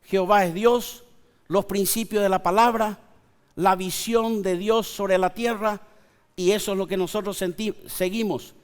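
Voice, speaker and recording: A man, preaching a sermon to his congregation with slow, emphatic pauses and conversational asides. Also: sits high, steady tone, clear, resonant tone. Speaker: pastor. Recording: long church hall reverb.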